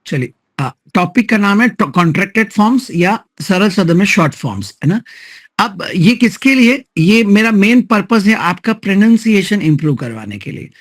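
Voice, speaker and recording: A man's voice: high-pitched, animated, normal speed, no room sound. A man teaching spoken English in an online class with an Indian accent. He moves between Hindi and English, adds tag questions to check on his students, and drills words sound by sound.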